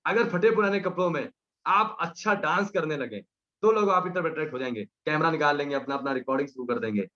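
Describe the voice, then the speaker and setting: A man's voice: on the high side, quick pace, pushed and bright. A young man giving an emphatic motivational speech to his team, hammering home the same punchlines again and again. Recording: slightly muffled lo-fi recording.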